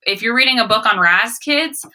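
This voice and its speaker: This woman's voice is high-ish and expressive, bright and forceful, moving at a normal speed. She's an elementary school teacher running a phonics read-aloud, speaking straight to the kids and stressing each sound as she instructs.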